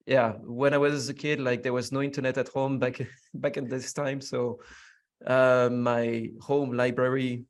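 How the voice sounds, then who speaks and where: A young French man with a mid-range voice and vocal fry is a guest on a podcast. He answers interview questions reflectively and with curiosity, using many fillers.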